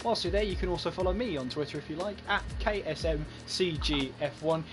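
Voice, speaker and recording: A man's voice: on the high side, brisk, over music. A man hosting esports race commentary, talking in a chatty, breathless way with frequent fillers. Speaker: lead commentator and host.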